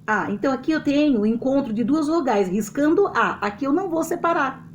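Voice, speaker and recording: A Brazilian woman teaches a literature lesson to a camera, her fairly high voice rising and falling in a very lively way. She explains patiently and keeps checking that her students follow along. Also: fast talker, a little hiss or hum. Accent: Brazilian Portuguese. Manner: animated and explanatory, checks understanding with tag questions. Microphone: camera mic.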